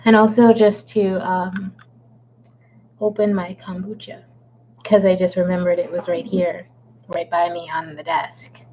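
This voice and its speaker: A woman's voice: on the low side, little pitch movement, measured pace, dark tone. A woman chats at her desk on a home livestream, rambling and playful, drifting in and out of a silly put-on accent. The sound is dull and lo-fi, with a faint hum underneath. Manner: chatty, rambling and playful, with a put-on accent she jokes about. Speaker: author hosting a live writing stream. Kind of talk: casual livestream chat.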